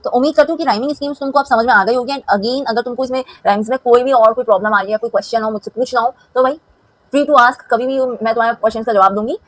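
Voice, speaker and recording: A woman's voice: fairly high pitch, fast talker, a bit bright, no room sound, rough recording. An Indian woman teacher with a Hindi-speaking accent, explaining a lesson in a chatty way and often checking that her students follow.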